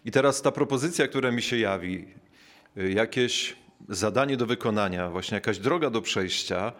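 Low-voiced man preaching a reflective sermon. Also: a bit bright. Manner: measured, reflective, slows down to stress key words; searching pauses with filler sounds.

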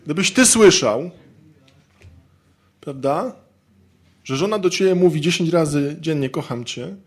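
A man with a slightly high voice speaks at a measured pace, giving an informal, humorous talk to an audience of men about marriage. He's chatty and conversational, constantly tacking on little tag questions as he acts out everyday scenes.

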